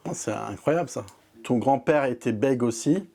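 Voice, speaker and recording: A man interviewing a guest in a relaxed, informal, friendly way. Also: medium pitch, moderate pace, vocal fry. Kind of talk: casual interview.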